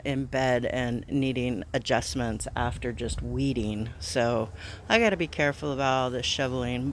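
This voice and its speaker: A man narrating a casual vlog outdoors in a garden, thinking aloud in a halting way. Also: medium pitch, a bit bright. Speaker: gardening vlogger. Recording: outdoor ambient noise.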